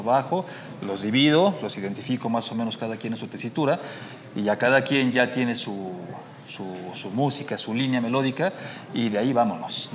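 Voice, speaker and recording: Relaxed male choir teacher. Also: mid-range voice, a little hiss or hum. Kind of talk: casual interview.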